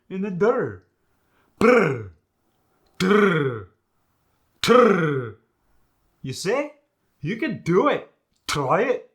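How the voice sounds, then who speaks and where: A man puts on a heavily acted, high voice to play a boastful Scottish dialect master. For a comic lesson, he demonstrates sounds emphatically and with swagger, coming across as instructive and cocky.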